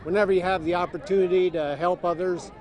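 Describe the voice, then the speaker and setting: A man's voice: high voice, fairly even intonation, quick pace, darkish tone. A man giving a casual interview answer outdoors at an event. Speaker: charity plunge participant. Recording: outdoor crowd noise behind.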